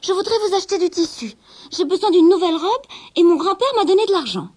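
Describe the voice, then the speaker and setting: A woman voicing a young servant girl in a storybook, high-pitched and pleading. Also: animated, fast, darkish tone. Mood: eager.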